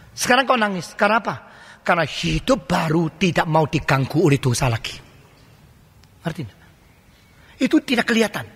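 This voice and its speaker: An older male pastor with an Indonesian accent preaches a sermon packed with rhetorical questions, mock dialogues and colloquial asides. His voice sits high, pushed and bright with a breathy edge, and the recording carries a long hall reverb.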